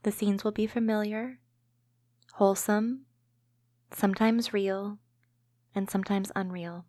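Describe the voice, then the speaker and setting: Narrating a guided relaxation for her meditation podcast, a woman reads soothing scripted imagery at a calm, even, gentle pace. Her voice sits at medium pitch and barely moves up or down. There's no echo; the audio is clean and dry.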